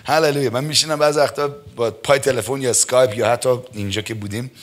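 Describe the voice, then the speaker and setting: A middle-aged man preaching a sermon, reading scripture slowly and emphatically and peppering his talk with amens and hallelujahs. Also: mid-range voice, steady tone. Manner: says some words are hard for him to pronounce. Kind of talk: Persian church sermon.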